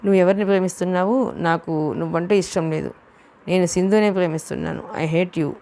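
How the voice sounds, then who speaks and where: Woman reads stern, short-tempered young man, harsh and scolding, low with grit. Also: fairly quick, warm tone, slight background noise, close to an everyday voice.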